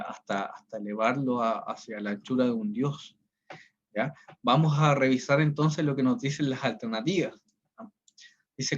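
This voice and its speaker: A male teacher, giving an online reading class and explaining each step, often checking in with the students. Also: mid-range voice. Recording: dull lo-fi sound.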